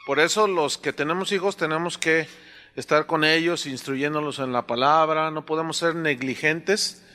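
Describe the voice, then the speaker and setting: A man's voice: fairly high pitch, normal speed, sharp tone, long reverb tail. A man preaching a sermon as a pastor, conversational with fillers and rising emphasis on scripture.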